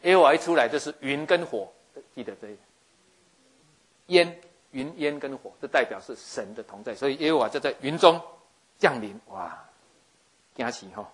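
A man giving a lively sermon, acting out scenes and often checking that his listeners follow. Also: medium pitch, normal speed, pauses often, breathy edge. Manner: animated, acts out scenes, keeps asking listeners if they follow. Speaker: preacher.

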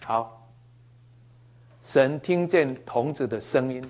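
A man's voice: mid-range voice, slow, darkish tone. A man teaching from the Bible in a conversational sermon, folksy and joking, with asides and fillers. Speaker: preacher.

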